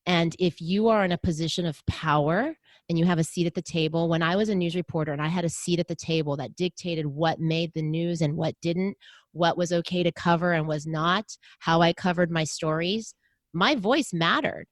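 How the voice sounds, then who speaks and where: A middle-aged American woman speaking earnestly in an interview, giving motivational advice and getting animated when she quotes other people. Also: on the low side, normal speed, no echo. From United States. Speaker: podcast host and guest. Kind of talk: interview conversation.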